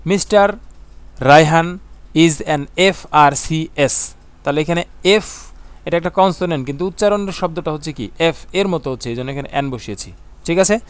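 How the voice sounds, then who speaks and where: Clear-voiced man teaching English. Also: on the high side, dry recording. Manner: reads English examples slowly, asks and answers own questions. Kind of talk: explaining grammar lesson.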